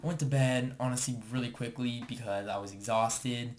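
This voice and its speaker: A man's voice: medium pitch, steady tone, normal speed, a little hiss or hum. A young man casually telling a story to the camera, rambling and filling his talk with "like.". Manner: rambling, filler-heavy with constant "like".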